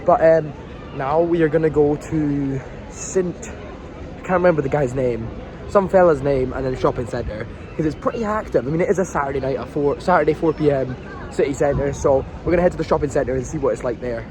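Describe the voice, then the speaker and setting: Fairly high in pitch and fairly quick, a young man from Scotland narrates his travel vlog casually, rambling through his day trip with the occasional swear. The setting is outdoors, in a windy coastal town and city streets, and the phone recording is noisy.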